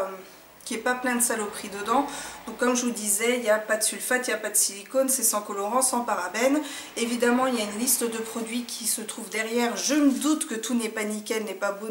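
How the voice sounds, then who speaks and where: A woman talks through a shampoo review in a chatty way, full of hesitations and fillers. Her voice sits a little high. She is recorded in an echoey room with the mic set back from her. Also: a bit bright, distant mic, slight background noise. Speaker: beauty vlogger reviewing a shampoo. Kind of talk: casual product review.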